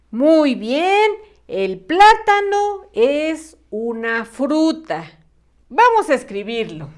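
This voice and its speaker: A woman teacher leading a children's literacy lesson, encouraging the young viewers and stretching out syllables. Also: high-pitched.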